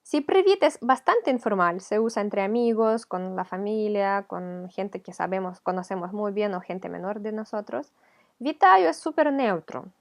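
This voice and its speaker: A woman's voice: medium pitch, expressive, normal speed. A woman with a Ukrainian accent, a teacher explaining a video lesson patiently, step by step. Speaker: language teacher.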